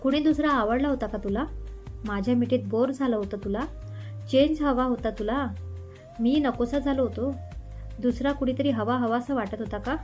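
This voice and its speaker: A woman storyteller voicing a furious young man who shouts bitter accusations at his former love. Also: fairly high pitch, lightly acted.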